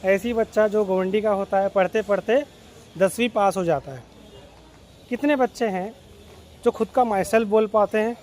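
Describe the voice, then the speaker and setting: A man delivers his own street-side commentary in a high, carrying voice. He talks in a string of pointed questions and urgings, exhorting his listeners to act. A faint hum of the city street sits behind him outdoors. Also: moderate pace, long pauses, a little mellow. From Mumbai, India. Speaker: local vlogger.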